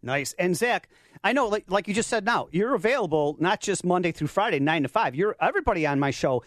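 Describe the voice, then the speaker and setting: A man hosting a radio talk show, bantering in a lively, teasing way. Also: high-pitched, fairly quick, dry recording, clean studio sound.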